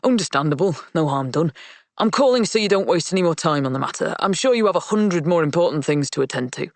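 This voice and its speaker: A man's voice: fairly high pitch, lively intonation, quick pace, no echo. A male narrator voicing a tired, evasive father who talks in curt, guarded sentences, with a dry sound.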